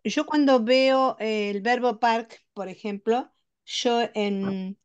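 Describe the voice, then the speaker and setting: A woman, a student, asks hesitant questions over a video call. She pauses often and fills the gaps with ums. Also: on the high side, smooth, muffled recording. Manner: hesitant, questioning, full of fillers.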